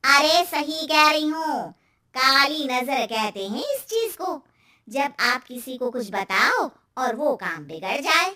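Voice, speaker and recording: A woman's voice: high voice, big pitch swings, takes it slowly, pushed and bright, exaggerated voice. A woman voicing a nosy, superstitious middle-aged neighbour with an emphatic, warning manner in a cartoon moral story.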